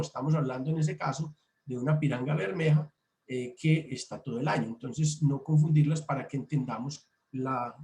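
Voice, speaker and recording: A man from Colombia leads an online slide talk, walking through his points patiently and circling back with restarts. His voice sits a bit high for a man. The room around him rings with echo. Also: darkish tone. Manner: explanatory, repeats himself, hesitant restarts. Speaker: birding workshop presenter. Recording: roomy echo.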